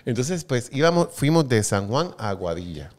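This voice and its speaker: A man hosting a casual chat, joking playfully and telling stories at a measured pace. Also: medium pitch, sing-song. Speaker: host.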